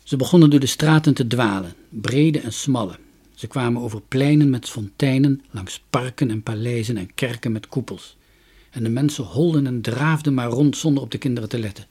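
A man reading a children's storybook aloud, expressive and with shifting loudness. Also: medium pitch, normal speed, slightly rough. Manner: expressive, varying loudness and pace.

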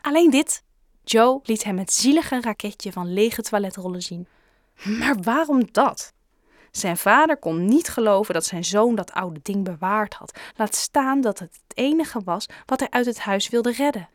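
Female audiobook reader, calm storybook narration, dry close sound. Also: medium pitch, normal speed, hardly any pauses, no room sound.

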